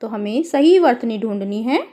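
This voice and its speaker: A woman's voice: fairly high pitch, lively intonation, moderate pace, dark tone. A woman teacher explaining a worksheet to children, spelling words out syllable by syllable and calling her pupils "beta".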